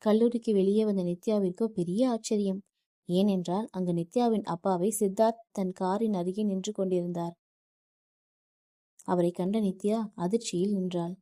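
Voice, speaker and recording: A woman narrating a romantic audiobook story in a steady, even reading voice. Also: medium pitch, moderate pace.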